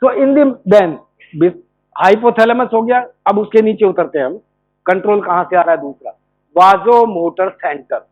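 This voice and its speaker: Man, measured classroom explainer with a high voice; dry, tinny phone-quality audio. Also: animated, no echo, soft background music. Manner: explanatory, poses rhetorical questions and answers them. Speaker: medical college lecturer. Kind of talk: classroom lecture.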